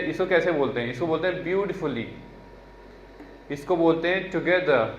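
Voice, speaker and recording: A man teaches a beginner's English class, saying each example sentence slowly and carefully. His voice sits a little high. It is recorded in an echoey room with a slightly dull sound. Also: slight background noise. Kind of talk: online spoken-English lesson.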